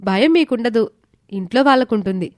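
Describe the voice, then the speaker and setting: A woman's voice: on the high side, lively intonation, brisk, natural voice. A woman voicing a responsible young elder sister in a storybook tale, earnest and pleading. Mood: stern caring. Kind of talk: storybook dialogue acting.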